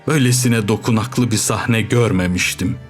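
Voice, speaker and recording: A man voicing a sly, smooth-talking male pig who gives a sentimental, tearful speech. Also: on the low side, moderate pace, faint music behind, natural voice. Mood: mournful.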